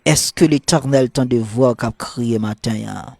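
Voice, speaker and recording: Haitian Creole-accented male priest, slow and gravelly, dry close sound, fervent morning sermon. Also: mid-range voice, dry recording. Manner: fervent, repetitive call-and-response cadence; soft murmured prayer.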